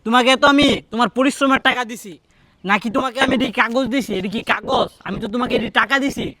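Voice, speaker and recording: A man gives a sneering, menacing performance as a greedy office manager in a short drama. He talks quickly in a bright, high voice, and the close, dry recording has no echo.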